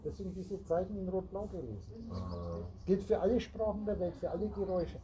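A spiritual teacher with a high-pitched voice lectures a small group in a meeting room, speaking a little fast. He wanders from point to point, riffs on word roots and speaks directly to the room, while the chattering group makes the background noisy.

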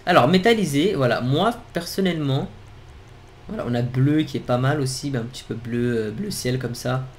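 A young man giving casual gameplay commentary, talking straight to his viewers and getting excited. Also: mid-range voice, normal speed, slight background noise. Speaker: gaming YouTuber.

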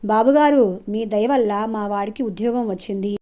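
A woman's voice: mid-range voice, moderate pace, lo-fi sound, lightly acted. A woman storyteller voicing a humble, grateful older widow who speaks politely and deferentially.

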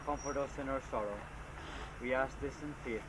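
Solemn priest praying at an outdoor graveside. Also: male voice, medium pitch. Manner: measured, formal liturgical delivery. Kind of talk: solemn funeral prayers read at a graveside. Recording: noisy, windy outdoor camcorder recording.

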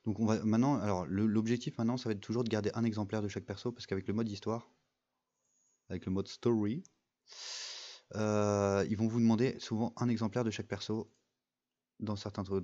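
A man's voice: lowish voice, flat delivery, fast talker, dark tone, lo-fi sound. A young man giving casual, rambling commentary over a mobile game, full of fillers and restarts. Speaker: gaming video creator.

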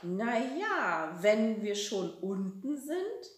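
A woman voicing a bossy older grandmother who nags in a shrill, exasperated way, in a children's story reading. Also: animated, moderate pace, fairly bright tone. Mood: grumbling. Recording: roomy echo.

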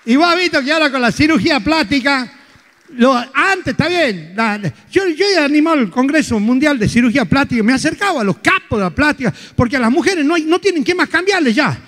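A man with an Argentine accent doing live stand-up comedy, telling stories in loose slang with sudden shouts. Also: extremely high pitch, lively intonation, a little fast. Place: theater stage. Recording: live hall with long reverb.

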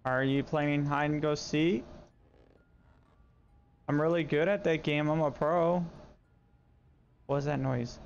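An excitable male streamer with a fairly high voice, narrating a horror game live in a slangy way and talking back to the ghost. The audio is dull and lo-fi, with faint noise. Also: slow, pauses often. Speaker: gaming streamer. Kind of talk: live gameplay commentary.

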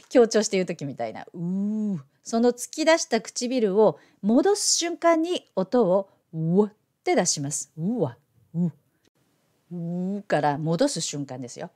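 Brief: female English teacher, playful coaxing pronunciation lesson, lively intonation. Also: measured pace. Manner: animated, lively pitch.

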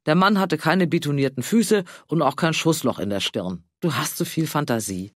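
A man's voice: fairly high pitch, lively intonation, no echo, studio quality. A man doing a pompous retired tax official. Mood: dismissive. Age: 60s. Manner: pompous, dismissive, slow. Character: stubborn pompous retired male tax official, nearly seventy.

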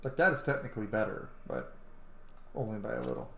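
The same streamer, a man in his thirties, narrates his RPG playthrough in a relaxed, roleplaying style from home. His lowish, creaky voice is sharp and quick with huge pitch swings; the room sounds roomy, with faint game music and slight background noise.

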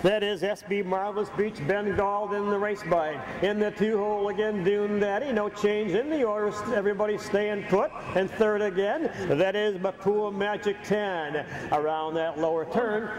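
A man's voice: sits high, steady tone, moderate pace, few pauses, darkish tone. A man calling a harness race live, folksy and joking with the crowd. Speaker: race announcer. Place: outdoor county fair racetrack. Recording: echoey PA sound from far off, outdoor noise.

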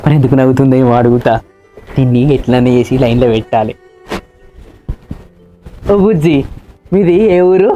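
A man's voice: mid-range voice, animated, moderate pace, pauses often, dark tone, lo-fi sound, faint music behind. A man acting a village husband in a comedy short film, grumbling to himself in long monologues. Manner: rustic, complaining monologues to himself. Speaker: actor playing a village husband.

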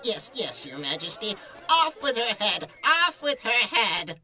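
A man's voice: high voice, big pitch swings, measured pace, bright, forceful tone, some chatter behind, full character voice. A male actor playing a nervous, fussy rabbit herald, stammering and deferential, in a radio drama. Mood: anxious.

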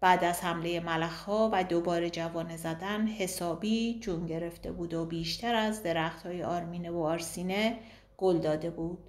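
A woman's voice: on the low side, steady tone. Woman reading a novel aloud, roomy echo. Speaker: audiobook narrator.

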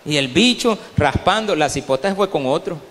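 A male pastor with a Salvadoran Spanish accent, preaching a story-filled sermon that swings from quiet asides to loud pleas. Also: fairly high pitch, animated, moderate pace. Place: church hall. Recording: long reverb of a church hall.

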